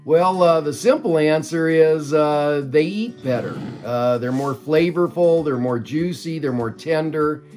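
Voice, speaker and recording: An older man, a company executive, answering interview questions at length from a home study over a video call, measured and explanatory with frequent fillers. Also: a little high, darkish tone, soft background music. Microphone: video call webcam.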